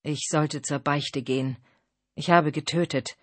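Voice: mid-range voice, fairly even intonation, a little slow, no room sound, lightly acted. Reader voicing a grim young soldier, bitter, fierce, dry close sound. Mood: remorseful. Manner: shouting, bitter. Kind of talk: audiobook reading.

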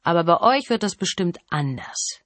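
A woman's voice: fairly low pitch, very animated, moderate pace, a bit bright, no echo. A woman reading an audiobook, voicing a callous male killer who taunts casually and cruelly. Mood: gloating.

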